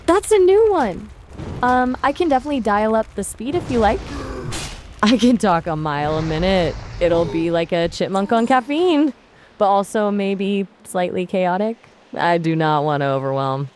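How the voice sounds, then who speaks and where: A synthetic woman's voice putting on a squeaky, giddy cartoon version of a female AI companion. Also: lively intonation, normal speed, darkish tone, a little hiss or hum, lightly acted. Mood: excited. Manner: giddy, bouncy.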